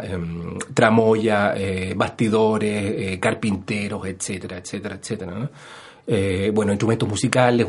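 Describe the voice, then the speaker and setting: A man's voice: on the low side, breathy edge. Chilean man explaining with many fillers. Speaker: historian guest. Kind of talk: radio interview. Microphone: studio microphone.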